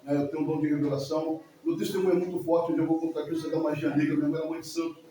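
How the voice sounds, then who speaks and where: A man's voice: fairly high pitch, flat delivery, rapid-fire, dark tone. A man in his forties giving an emotional, rambling testimony in church, often repeating himself. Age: 40s. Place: church hall. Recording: echoey hall from far off, faint noise.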